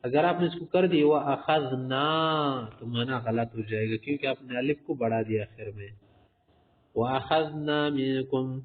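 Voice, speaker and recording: A man's voice: medium pitch, hardly any pauses. A man teaching a tajweed lesson, explaining letter errors with spoken examples and addressing listeners as respected sirs. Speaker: Quran recitation teacher. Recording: tinny phone-like recording.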